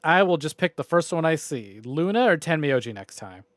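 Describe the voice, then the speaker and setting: A highish male voice with big pitch swings says goodbye to his livestream audience at normal speed. This gamer rambles informally and swears mildly at times, heard in studio-quality sound with no echo.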